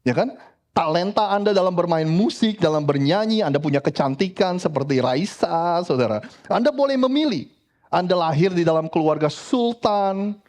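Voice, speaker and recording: A pastor preaching a sermon in church, lively and direct, often addressing the congregation as brothers and sisters. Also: male voice, high voice, moderate pace. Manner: animated preaching, frequently addressing the congregation as "saudara".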